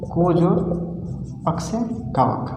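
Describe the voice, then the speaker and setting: A man's voice: fairly high pitch, sing-song, takes it slowly, darkish tone. A man with a Bhojpuri-tinged Hindi accent teaching a Sanskrit grammar lesson, asking questions and answering them himself, repeating key syllables as drills. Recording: roomy echo with long reverb, faint music.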